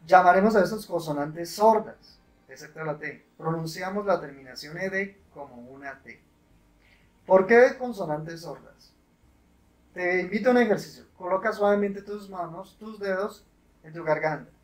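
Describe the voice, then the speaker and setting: A man's voice: high voice, normal speed. A man giving a patient grammar lesson, often checking with short questions. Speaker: English teacher.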